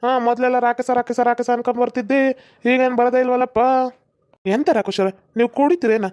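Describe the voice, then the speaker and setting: A woman's voice: fairly high pitch, steady tone, quick pace, darkish tone, natural voice. A woman playing a chatty, nosy male village postman in a comedy sketch. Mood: teasing. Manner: nosy, teasing banter. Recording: slightly dull lo-fi recording.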